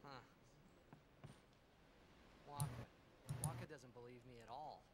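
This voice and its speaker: A man's voice: medium pitch, slow, close to an everyday voice. A man voicing a brash young male athlete in a video game, talking casually and sounding puzzled. The game audio sits under heavy background noise.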